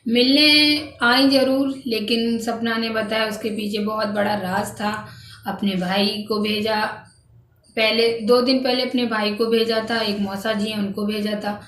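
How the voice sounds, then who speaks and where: A woman's voice: on the high side, steady tone, measured pace, fairly bright tone. Chatty woman vlogger in echoey room. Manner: chatty, repeats "guys", frequent restarts. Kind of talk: casual gossip narration to viewers. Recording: echoey room, distant mic, faint background noise.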